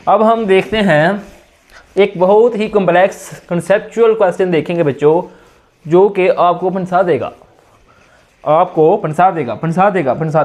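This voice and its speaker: A male chemistry teacher with a noticeably high voice lectures while nursing a sore throat. He keeps firing questions at his students and answering them himself, echoing each answer back. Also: darkish tone. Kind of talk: classroom lecture.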